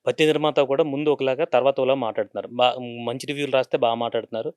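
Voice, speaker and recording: Male interviewer, mid-pitched, rapid firm objections, dry close sound. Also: clear, resonant tone, dry recording. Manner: pushing back firmly. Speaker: interviewer, film journalist. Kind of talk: challenging interview questions.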